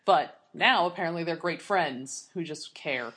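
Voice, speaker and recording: A woman's voice: low-pitched, a little slow, a bit bright, husky. A woman casually discussing a film and its book with a co-host, blunt and opinionated, swearing freely. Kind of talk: casual movie review chat.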